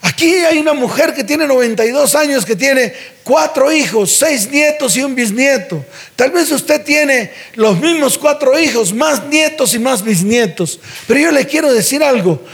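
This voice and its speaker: A pastor preaching a sermon in a church, telling a story in slangy everyday speech and then exhorting slowly and forcefully. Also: male voice, extremely high pitch, animated, vocal fry. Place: church sanctuary.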